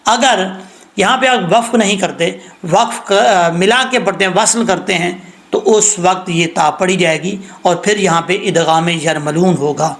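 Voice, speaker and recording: A man teaching Quran tajweed patiently, breaking into slow recitation of verses. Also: high-pitched, a bit bright. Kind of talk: recorded recitation lesson.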